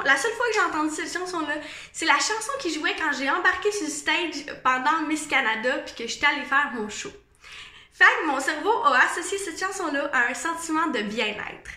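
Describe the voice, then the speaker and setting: A young woman with a Quebec French accent, chatting casually to camera with lots of fillers and animated asides. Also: high voice. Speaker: vlogger. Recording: echoey room.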